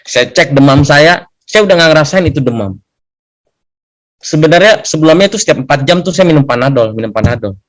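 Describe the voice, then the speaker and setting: A man's voice: a little high, animated, brisk. A young man telling a personal testimony in a conversational way, often adding a questioning tag to seek agreement. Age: young adult.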